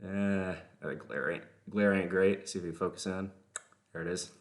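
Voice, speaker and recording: Between sets at an indoor gym, a livestreaming lifter with a mild Southern drawl chats casually with his viewers, poking fun at himself. His voice is deep and steady at a moderate pace. He's far from the mic in a very echoey room.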